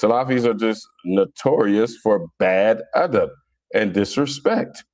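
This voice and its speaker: Hosting an informal religious debate livestream, this man from Philadelphia, United States, fires back at viewers in a blunt, slangy, mocking manner. He speaks a little slowly in a lowish, slightly mellow voice, recorded dry.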